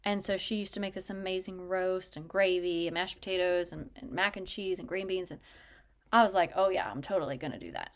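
A middle-aged woman hosting a podcast, telling a personal story in an earnest, emotional way with many fillers and restarts. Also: medium pitch. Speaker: podcast host.

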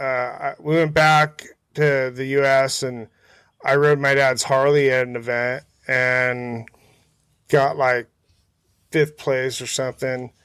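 Slow, smooth-voiced laid-back man. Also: medium pitch, fairly bright tone, no room sound. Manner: laid-back, slangy, hesitant. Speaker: interview guest, motorcycle hill climb rider. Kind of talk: casual chat, telling racing stories. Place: outdoors in a backyard.

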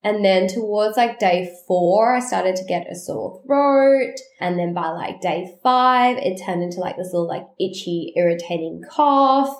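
On her solo podcast, a woman rambles in a chatty, lively manner, dropping quick asides. Her mid-range voice is nasal and stuffed-up, and the room echoes.

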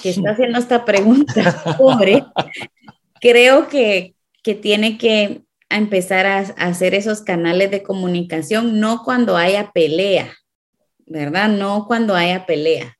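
A woman co-hosting a faith-based talk show, telling personal stories in an animated way and checking in with the listener. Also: medium pitch, slow pace. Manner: warm affirmations, animated storytelling, frequent "¿verdad?". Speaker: co-host.

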